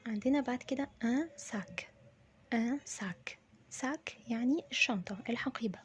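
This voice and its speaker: A woman with an Egyptian Arabic accent teaching French pronunciation, saying words slowly, repeating them and often dropping to a whisper. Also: fairly high pitch, faint music behind. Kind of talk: pronunciation lesson.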